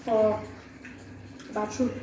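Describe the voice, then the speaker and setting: A woman's voice: medium pitch, flat delivery, very slow. A woman with a Nigerian accent hosting a casual mukbang, chatting over food. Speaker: mukbang host. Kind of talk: casual mukbang eating chat. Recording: very echoey room, far mic, loud noise.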